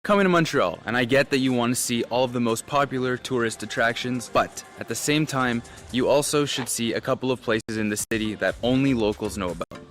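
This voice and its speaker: A man's voice: medium pitch, a little fast, few pauses, fairly bright tone. Man presenting an upbeat travel guide over music. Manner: enthusiastic, informal. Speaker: travel vlogger. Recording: music behind the voice.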